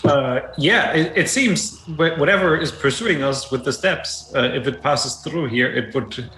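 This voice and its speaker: A man's voice: fairly high pitch, a little slow. A man chatting casually as a player in a tabletop game. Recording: roomy echo, loud background noise.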